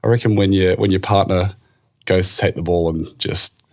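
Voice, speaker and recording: A man's voice: low-pitched, steady tone, normal speed, a little mellow. A man with an Australian accent co-hosting a podcast, telling stories in a laid-back, slangy way. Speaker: podcast co-host. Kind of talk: casual chat.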